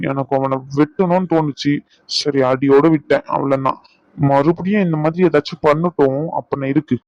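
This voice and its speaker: A man's voice: on the high side, steady tone, darkish tone, dry recording, lo-fi sound, natural voice. A man voicing a hot-tempered young cartoon husband. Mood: angry. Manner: blunt, quick to anger, then pleading. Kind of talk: cartoon voice acting.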